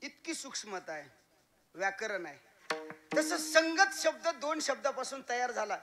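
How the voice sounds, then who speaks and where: A man's voice: extremely high pitch, normal speed, faint music behind. A man giving a humorous devotional kirtan sermon, asking his listeners questions as he teaches. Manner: lively teacherly, asks audience questions often; humorous, playful asides. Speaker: kirtan preacher.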